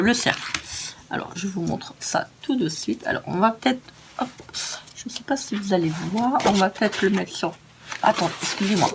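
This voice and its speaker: A woman's voice: mid-range voice, slight background noise. A woman hosting a casual crafting demonstration, chatty and enthusiastic, often stumbling over her words. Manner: gushing and enthusiastic. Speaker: craft video host.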